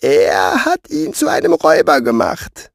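Man voicing a gruff old writer, snappish, raised exasperated voice, lively pitch, dry close storybook sound. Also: unhurried, no room sound, exaggerated voice. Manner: curt, exasperated outbursts.

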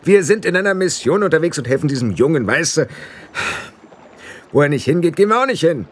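Cheeky, boisterous tiny blue fairy man, pitched way up, husky, put on by a male narrator. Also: sing-song, a little fast. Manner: brash, boisterous and jolly. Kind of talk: audiobook character voice.

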